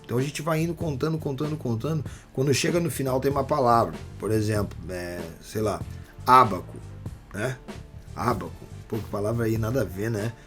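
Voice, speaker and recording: A man with a Brazilian Portuguese accent gives a casual online lesson on writing rap. He talks in a relaxed, slangy way with many fillers, his voice sitting at a middle pitch, and faint music plays underneath. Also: a little fast. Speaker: rap workshop teacher.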